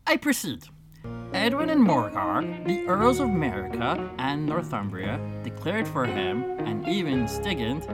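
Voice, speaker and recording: A woman's voice: low voice, sing-song, a little slow, loud music behind the voice, pitched above the performer's own voice. A woman voicing a prim, touchy little mouse who lectures stiffly but politely.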